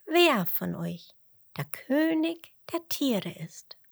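A woman doing a squeaky, bossy little mouse. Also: sing-song, extremely slow, creaky, no echo, clean studio sound, exaggerated voice. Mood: commanding. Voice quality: squeaky, shrill. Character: tiny brave female forest mouse.

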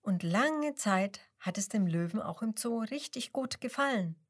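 A woman narrating a children's story in a gentle, expressive reading style. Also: medium pitch, measured pace.

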